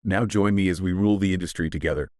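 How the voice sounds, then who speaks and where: A man's voice: low-pitched, quick pace, darkish tone, dry recording, studio quality, natural voice. A man voicing a villainous talking closet, a pompous machine with theatrical, menacing, grandiose delivery. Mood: gloating menace. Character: villainous talking robot closet, grandiose fashion-obsessed tyrant.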